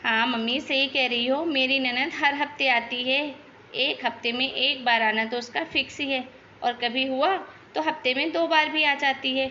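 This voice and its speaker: A woman's voice: sits high, steady tone, normal speed, bright, forceful tone, lo-fi sound, a little hiss or hum. A woman voicing a chatty young daughter-in-law in a cartoon, complaining about her in-laws. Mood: gossiping. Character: gossipy young daughter-in-law, lazy and talkative. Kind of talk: cartoon voice acting.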